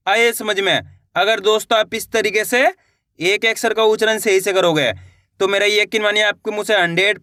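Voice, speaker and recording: A man teaching children to read, sounding out each syllable slowly and patiently, encouraging viewers to try for themselves. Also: high voice, sharp tone, no room sound, clean studio sound. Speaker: Hindi reading teacher. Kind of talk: slow syllable-by-syllable reading lesson.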